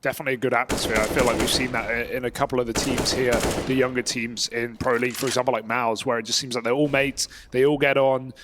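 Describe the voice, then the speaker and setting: A man's voice: medium pitch, level tone, fast, few pauses, very noisy. A man commentating an esports match as a caster, talking through the play in a conversational, analytical way. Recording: loud game gunfire and clicks behind. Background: gunfire and clicks from a video game.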